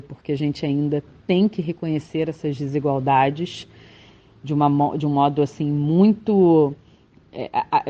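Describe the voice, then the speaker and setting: A Brazilian woman speaks in a warm, mellow voice, reflecting slowly and restarting her sentences as she searches for words. It is a podcast commentary with a slightly muffled, lo-fi sound. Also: sits low. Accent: Brazilian Portuguese. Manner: thoughtful, halting, many restarts and fillers. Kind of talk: reflective monologue.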